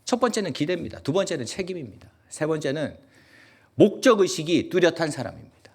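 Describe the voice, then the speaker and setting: A male pastor with a Gyeongsang accent, preaching a lively sermon and asking the congregation question after question. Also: on the high side, quick pace, breathy edge. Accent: Gyeongsang Korean. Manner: animated, asks the congregation many questions; acts out quoted voices in dialect. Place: church sanctuary.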